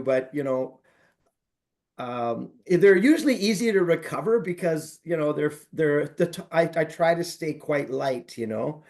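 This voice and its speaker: A man's voice: fairly high pitch, darkish tone. Chatty man telling call stories. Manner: storytelling, light and joking, acts out quoted voices. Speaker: sales coaching group member. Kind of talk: casual group call chat.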